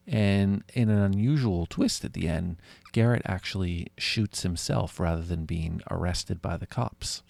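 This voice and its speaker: A man hosting a podcast, talking casually about films in a relaxed way with many fillers. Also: low voice, creaky, no echo. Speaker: podcast host. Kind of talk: casual film discussion.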